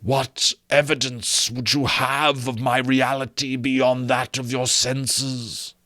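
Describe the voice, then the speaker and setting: A man acts out a dead businessman's ghost from a storybook. The voice is raised and very slow, drawing out each word with grave, mournful portent. It sounds ominous and close, with a dry recording. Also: medium pitch, level tone, pushed and bright, no room sound, voice pushed up. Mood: grave, challenging. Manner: slow, drawn-out, portentous delivery.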